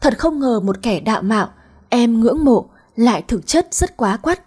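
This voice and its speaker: A woman narrating a radio story in a gentle, even tone, reading every character's lines herself. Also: on the high side, moderate pace, slightly rough.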